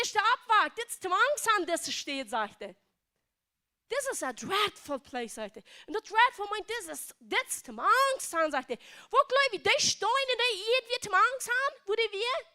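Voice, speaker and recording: A woman's voice: very high voice, sharp tone. A woman with a Plautdietsch accent preaching a sermon in an emphatic, repetitive way.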